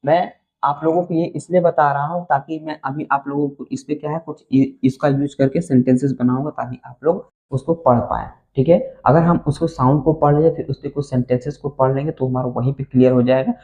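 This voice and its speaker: A man with a Hindi accent, a Hindi speaker at heart, teaches English letter sounds to beginners. His voice sits a little high yet sounds mellow, and the recording is slightly dull. He spells words out letter by letter and repeats each answer. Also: steady tone, fairly quick. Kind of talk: phonics lesson for beginners.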